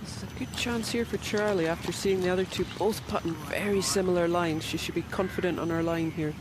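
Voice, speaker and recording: A man with a notably high voice commentates on live golf. He speaks as a golf commentator on a broadcast, with plainly audible outdoor noise behind him. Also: steady tone, a little fast.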